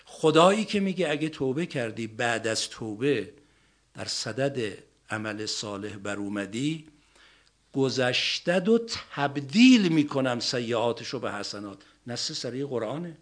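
A man preaching a sermon, stressing points with loud rises, then dropping soft and slowing down on key ideas. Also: medium pitch, expressive. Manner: emphatic, swings between loud rising stresses and soft drops.

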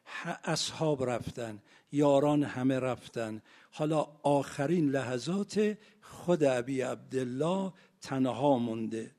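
A man's voice: medium pitch, darkish tone. A man preaching a mourning sermon with an earnest, repetitive cadence.

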